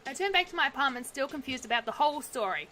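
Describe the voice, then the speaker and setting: A woman's voice: high-pitched, animated, fast, sharp tone, slight background noise. A woman streamer reading detective game narration aloud, breaking off for sudden outbursts and swearing. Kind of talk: reading game text aloud with casual reactions.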